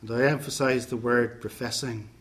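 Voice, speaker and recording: A man preaching a sermon in a measured, deliberate way, setting out points one by one and listing phrases with care. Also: medium pitch, fairly even intonation, a bit bright.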